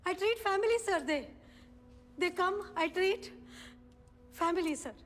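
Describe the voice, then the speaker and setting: A woman's voice: very high voice, measured pace. A desperate Bengali mother. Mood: pleading. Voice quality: broken English, pleading, breathless repetition. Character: desperate Bengali mother pleading for her children. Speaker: mother in a courtroom. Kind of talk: film drama. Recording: reverberant film mix with music.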